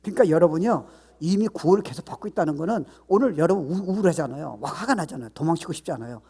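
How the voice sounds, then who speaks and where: Husky-voiced older male pastor preaching. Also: fairly high pitch, animated, fast, mellow. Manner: emphatic, rhetorical questions. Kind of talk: sermon.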